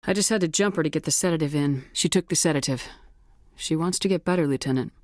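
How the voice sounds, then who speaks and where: Female military commander for a game, played by an actress: low register, clipped, no-nonsense authority, very dry recording. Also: fast talker, a little mellow, no echo, close to an everyday voice. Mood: serious, controlled. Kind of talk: video game dialogue acting.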